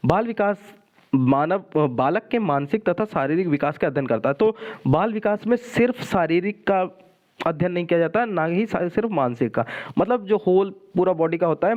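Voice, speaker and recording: A man's voice: a little high, dull audio. A male teacher giving an exam-prep lecture, explaining step by step and checking in with "okay" after each point. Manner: explanatory, repeats "ठीक है" often.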